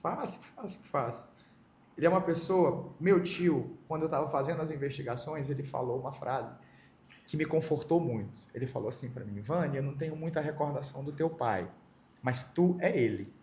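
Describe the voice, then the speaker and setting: A man's voice: on the high side, a little fast, a little mellow, roomy sound, a little hiss or hum. A middle-aged man from Brazil, sharing a personal story as a podcast guest, speaking with emotion and acting out the dialogue he recounts.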